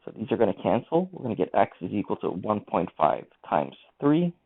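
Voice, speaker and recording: A man's voice: on the low side, sing-song, a little fast, creaky, slightly rough. A man teaching a math lesson, talking through each step of the working aloud. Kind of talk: screen-recorded lesson walkthrough. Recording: tinny lo-fi mic.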